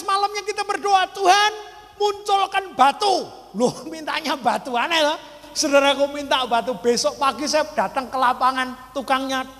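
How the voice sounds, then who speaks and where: A man's voice: very high-pitched, fairly bright tone. A male pastor with a Javanese accent preaching a sermon, telling a story emphatically and calling out to the congregation again and again. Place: church hall before a congregation. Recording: long hall reverb.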